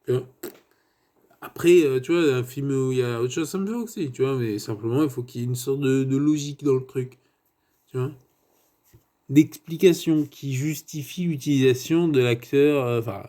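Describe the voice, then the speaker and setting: Man, 30s, mid-pitched and mellow, digressive casual film reviewer. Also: normal speed. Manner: rambling and digressive, many fillers and tu vois asides.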